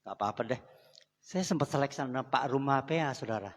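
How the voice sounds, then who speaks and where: Speaking a little fast at medium pitch, a male pastor gives a conversational sermon in a church sanctuary, direct and full of asides to the congregation, whom he calls saudara. A live microphone captures the long reverb of the hall.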